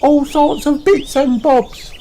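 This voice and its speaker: A man's voice: very high-pitched, steady tone, slow pace, warm tone, slight background noise, voice pushed up, heavily acted. A man voicing a chirpy little girl elephant stallholder in a children's storybook, calling out to customers. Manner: calling out like a barker.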